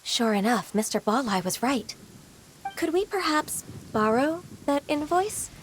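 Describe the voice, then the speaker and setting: An actress playing a gentle, earnest young official with a courteous, formal and measured delivery in a video game. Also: female voice, high voice, animated, a little hiss or hum. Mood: polite, direct. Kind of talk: video game character acting.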